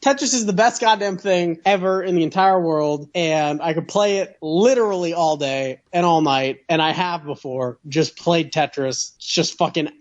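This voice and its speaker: A man's voice: on the high side, moderate pace, hardly any pauses, dull audio. A young man co-hosting a casual podcast chat, ranting with lots of swearing and emphatic outbursts. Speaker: podcast co-host.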